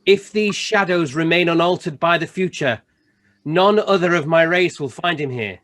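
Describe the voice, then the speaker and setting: A man playing a stern, solemn Christmas spirit in an amateur radio play, speaking in a deliberate, formal way. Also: on the high side, a bit bright, close to an everyday voice. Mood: stern rebuke. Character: solemn, rebuking male Spirit of Christmas Present.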